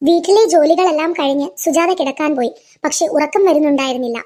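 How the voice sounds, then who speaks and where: High-voiced woman narrating a cartoon story. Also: quick pace, warm tone.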